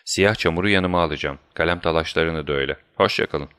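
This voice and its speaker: A man voicing a shrewd, composed male detective who speaks in a measured, commanding way, in a deep voice. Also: fairly bright tone, smooth.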